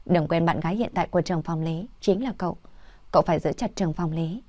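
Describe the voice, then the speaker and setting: A woman's voice: fairly low pitch, fast, a little mellow, no echo, close to an everyday voice. A woman voicing a pregnant office friend who urges and insists. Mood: urging. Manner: insistent, urging.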